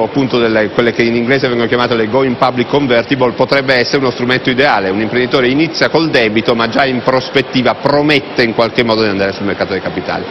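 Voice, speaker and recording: A man, a fund manager answering interview questions with frequent hesitations. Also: mid-range voice. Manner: hesitant, many fillers and restarts. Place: convention hall TV set, indoors. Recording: muffled broadcast audio with background noise.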